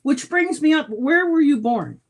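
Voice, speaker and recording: A woman's voice: high voice, animated, normal speed. A woman interviewing a guest in an effusive, encouraging way. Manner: effusive, encouraging, calls guest her hero. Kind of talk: casual interview talk.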